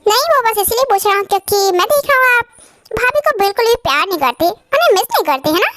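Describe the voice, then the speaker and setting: A woman's voice: very high-pitched, animated, fast talker, fairly bright tone. A woman voicing a teasing younger brother in a fan-dubbed drama.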